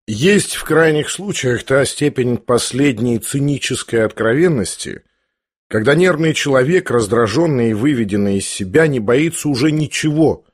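A man reading a classic novel aloud as an audiobook, in a measured, deliberate way. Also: mid-range voice, dry recording, clean studio sound. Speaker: audiobook reader. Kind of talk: literary audiobook narration.

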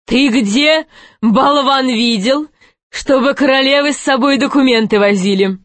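A woman's voice: high-pitched, a little slow, dry recording, voice pushed up. A woman playing a cold, haughty queen. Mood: indignant. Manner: cold, imperious. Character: haughty dowager queen, commanding.

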